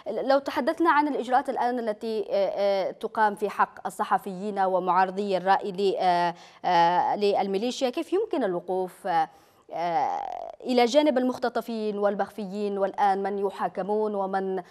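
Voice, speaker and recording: A woman hosting a live TV news interview from a studio, asking questions quickly with many hesitant fillers. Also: mid-range voice, a little mellow. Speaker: news host.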